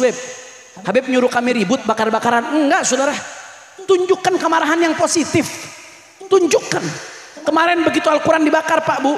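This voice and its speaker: A man with an Indonesian accent giving a fiery sermon at an outdoor religious gathering, shouting and repeating calls to the crowd. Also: very high voice. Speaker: preacher. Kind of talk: fiery open-air sermon. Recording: echoey live sound system, long reverb.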